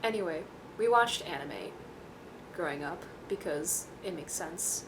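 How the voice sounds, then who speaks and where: A young Taiwanese woman vlogs casually to camera, rambling with self-deprecating, dry humor. Her voice sits lowish with lively intonation and a measured pace, and there's noise in the background.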